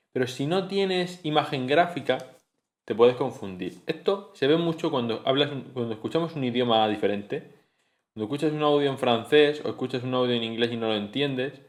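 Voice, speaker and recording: Male teacher, mid-pitched voice, patient spoken phonetics lesson with sounds repeated aloud.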